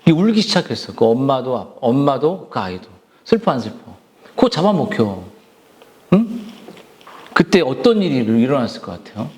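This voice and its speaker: A man preaching a sermon in a church, telling a story in an animated way and asking the listeners questions. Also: mid-range voice, moderate pace. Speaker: pastor. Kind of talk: sermon for children and adults.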